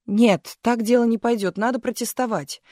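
A woman's voice: fairly high pitch, moderate pace, mellow, dry recording, clean studio sound, pitched above the performer's own voice, lightly acted. A woman voicing a pushy young actress and mother who rattles on indignantly. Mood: hurried. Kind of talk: audiobook character voice.

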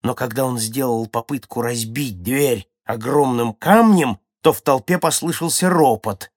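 A man's voice: medium pitch, measured pace, no room sound. Man narrating dramatically, voice dry. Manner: dramatic reading with strong swings between loud and hushed. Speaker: audiobook narrator. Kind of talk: scripted narration of a children's audiobook story.

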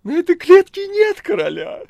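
A man voicing a boastful, scheming male demon cat in a shrill falsetto, with mock-pleading theatrics. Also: wildly swooping pitch, normal speed, vocal fry, warm tone, no room sound, dull audio, exaggerated voice. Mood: mock alarm.

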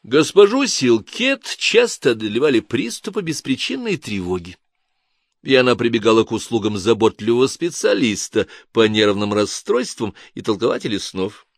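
A man narrating an audiobook in a measured, expressive reading. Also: mid-range voice, gravelly, no echo, clean studio sound.

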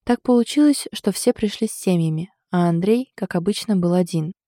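A woman narrates an audiobook in an even, steady storytelling manner. Her voice is low-pitched and mellow, recorded close and dry with no room sound. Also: brisk, no room sound.

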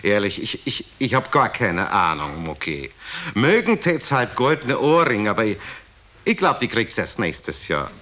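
A man's voice: on the low side, big pitch swings, measured pace, pushed and bright, exaggerated voice. A man voicing a naive, dim-witted aristocratic count, drawling genteelly and stumbling over restarts. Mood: sheepish. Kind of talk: comedy record joke telling.

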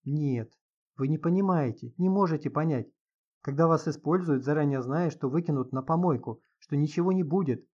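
A man's voice: a little high, moderate pace, a little mellow, dull audio, close to an everyday voice. Man voicing a bitter young woman. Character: young woman, resentful, bitter former model.

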